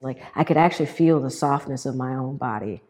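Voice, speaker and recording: A woman sharing a personal story in a halting way, with many fillers and restarts. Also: a bass voice, dark tone. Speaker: guest sharing her experience. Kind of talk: personal testimonial.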